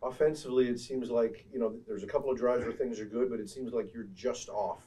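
A man's voice: mid-range voice, fairly even intonation, quick pace, mellow, breathy edge. A man asking long, run-on questions as a reporter at a press conference. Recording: distant mic with faint room noise.

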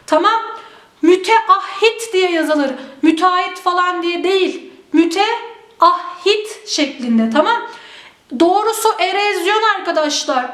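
A woman teaching spelling to exam students, drawing out each word slowly and often checking in with the class. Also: very high voice, a bit bright. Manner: drills words slowly, stretching them out. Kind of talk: exam-prep spelling lesson. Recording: echoey room.

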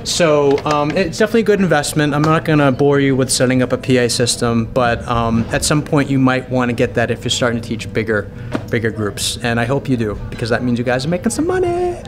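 A man in his thirties who owns a paint party business gives informal, rambling training straight to camera in a small indoor restaurant dining room. His medium-pitched voice has lively intonation and a fairly quick pace, with music playing underneath.

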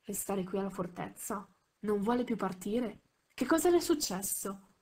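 Una donna che legge le battute di un medico militare calmo e gentile, che fa domande pacate, in un audiolibro. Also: female voice, medium pitch, moderate pace, close to an everyday voice. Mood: calm. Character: male military doctor, calm and kindly.

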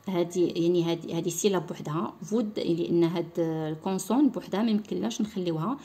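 A young woman with a Moroccan accent teaching a primary French lesson online, explaining in Darija and reading French lines slowly, syllable by syllable. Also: on the low side, darkish tone.

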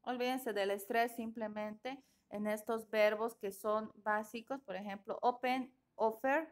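A woman teaching an English grammar class, explaining patiently and often checking that students follow. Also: mid-range voice.

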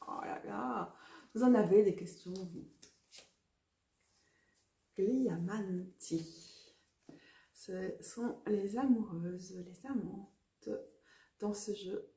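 A woman's voice: mid-range voice, warm tone, reverberant. A woman with a French accent, chatting casually to camera about tarot, self-mocking and often laughing. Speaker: tarot vlogger. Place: outdoors near a garden with birds.

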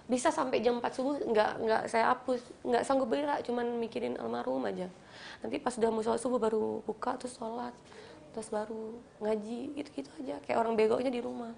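A woman in her thirties, a talk show guest, telling a personal story in a soft, reflective way. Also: fairly high pitch, gravelly, slight background noise. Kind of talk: casual chat.

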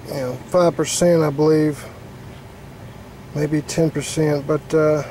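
A male HVAC technician explains a repair step by step outdoors beside an air-conditioning unit, in a plain, casual manner full of fillers. He speaks slowly in a slightly high, warm voice with little pitch movement, and there's slight background noise.

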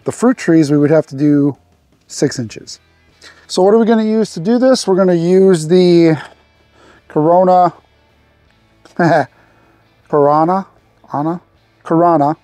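A man's voice: on the high side, mellow, no echo. A man in his forties, host of a homesteading channel, casually explains a farm chore outdoors into a lapel mic, with easy fillers along the way. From Arkansas. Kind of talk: casual instructional vlog.

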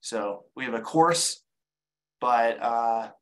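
Speaking slowly in a medium, slightly bright voice, this online seller runs a live webinar, explaining in a casual way. He repeats words, restarts phrases often, and takes questions from viewers. The audio is rough.

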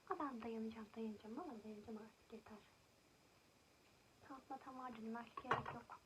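A young woman vlogger chatting casually while doing her makeup, venting indignantly and often dropping into soft whispers. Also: a little high, fairly even intonation, brisk, heavy background noise. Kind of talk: casual makeup vlog chat.

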